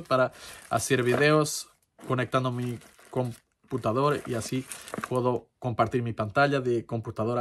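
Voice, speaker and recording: A man whose first language is Portuguese, talking to his channel in Spanish with a Portuguese accent, casual and hesitant, full of fillers and restarts. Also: mid-range voice. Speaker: crypto channel host. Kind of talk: casual tutorial talk to camera.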